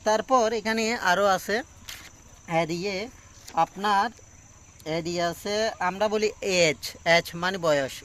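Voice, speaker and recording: A man giving a casual pronunciation lesson on a phone front camera, talking slowly and repeating each word with many fillers. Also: high voice, steady tone, a bit bright. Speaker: English pronunciation teacher. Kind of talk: casual self-recorded lesson.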